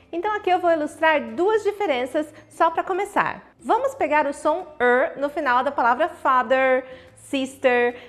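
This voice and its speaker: A Brazilian woman teaching English in a video lesson, speaking directly to the viewer and demonstrating English words, with a Brazilian Portuguese accent. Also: high voice. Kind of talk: online video lesson with tips.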